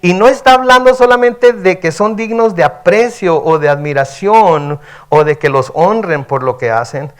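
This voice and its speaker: A pastor teaches the Bible at a midweek service, reading verses aloud and then explaining them. His voice sits a little high for a man, and he talks in a relaxed, conversational way, often tagging on a questioning "right?" to draw in the listeners. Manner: conversational, frequent "¿verdad?" tags, reads scripture aloud and explains.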